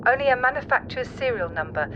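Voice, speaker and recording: Woman doing a silky smooth robotic sat-nav lady, cool and literal, kinda high, swoopy, a bit muffled. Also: quick pace, background noise. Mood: calm. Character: calm, precise female sat-nav computer. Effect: smooth, even machine-like device voice. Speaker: car navigation voice.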